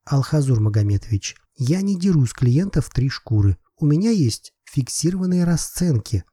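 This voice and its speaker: A cool-headed woman detective, polite but wry, her voice lifted higher than a plain male read, as a male narrator puts her on. The tone stays mellow and a little husky in a dry, close recording of an audiobook. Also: moderate pace, no echo. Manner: calm, polite, slightly ironic. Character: composed woman private detective, dry and firm.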